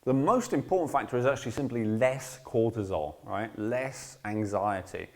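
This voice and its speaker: A man's voice: medium pitch, normal speed, a little mellow. A man teaching an online course in a casual, rambling lecture, emphatic and blunt, often checking in with "right?". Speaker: course instructor.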